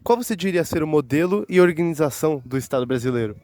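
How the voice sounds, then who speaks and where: A young man interviewing people in the street, asking brisk, direct questions. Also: on the high side, lively intonation, a little mellow, a little hiss or hum. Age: young adult.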